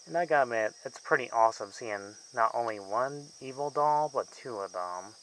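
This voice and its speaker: A man's voice: mid-range voice, lively intonation, normal speed, fairly bright tone, slight background noise, rough recording. A man giving a casual, rambling film review vlog, with loosely strung sentences that often trail off mid-thought. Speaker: movie reviewer.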